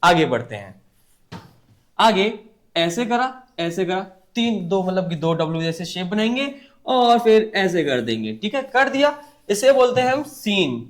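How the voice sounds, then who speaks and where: A man's voice: high voice, big pitch swings, measured pace. A man teaching an online class, repeating each point and asking the class to say it back in a casual, brotherly way. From India. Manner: repetitive call-and-response teaching; colloquial, addresses class as brother.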